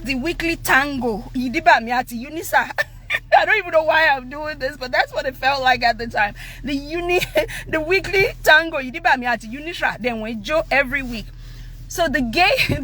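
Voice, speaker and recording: A middle-aged woman from Ondo with a Nigerian accent, hosting a live stream and telling a family story in a laughing, animated way that mixes Yoruba and English. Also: high voice, a little hiss or hum.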